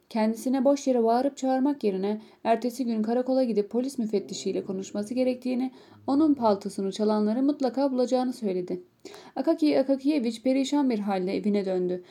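A woman narrating an audiobook story in a calm, measured reading. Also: on the high side.

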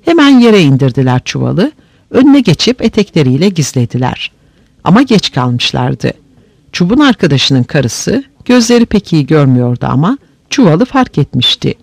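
A man narrating a story aloud in an expressive, animated way. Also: a little high, normal speed, gravelly, no room sound.

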